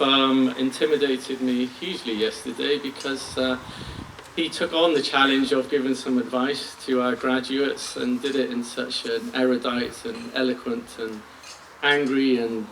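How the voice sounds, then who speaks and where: A man's voice: medium pitch, fairly bright tone. Hesitant British man giving a ceremony speech. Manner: self-deprecating, hesitant with many ums and restarts. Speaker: school principal. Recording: distant mic with faint noise.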